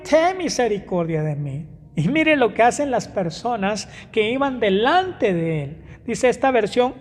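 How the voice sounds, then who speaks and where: A man preaching a sermon in church, emphatic, rising to loud exclamations and dropping to soft asides, with fillers and self-corrections. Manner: emphatic, swinging between raised exclamations and soft low asides; hesitant fillers and self-corrections while finding verses. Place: church hall. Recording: reverberant church hall with music behind.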